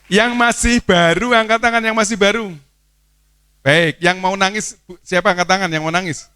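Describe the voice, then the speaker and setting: A man's voice: high voice, steady tone, moderate pace, bright, forceful tone, clear, resonant tone, no echo. Playful man teacher. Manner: playful, coaxing, asks the crowd questions. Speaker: teacher addressing students. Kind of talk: lively speech to children at an opening event. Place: boarding school hall.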